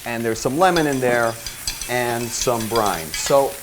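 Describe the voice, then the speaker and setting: A man from Italy demonstrating a dish in a kitchen, halting and hesitant as he hunts for the right words. His voice has a middling pitch, with a faint sizzle of cooking in the background. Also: background noise. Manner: hesitant, searching for words, with many fillers. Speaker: guest chef and cooking teacher. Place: kitchen with food frying.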